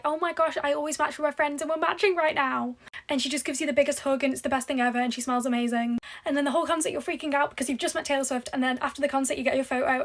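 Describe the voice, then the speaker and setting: A young woman excitedly gushing through a storytime with many fillers. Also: high-pitched. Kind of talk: storytime video to camera.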